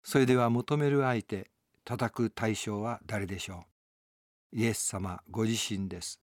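A man's voice: on the low side, steady tone, a little slow, dry recording. A man, a pastor, delivering an earnest, emphatic radio sermon from a studio.

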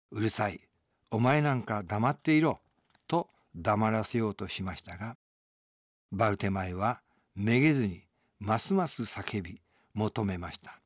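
A man's voice: on the low side, dry recording. A man, a pastor, delivering an earnest, emphatic radio sermon from a studio.

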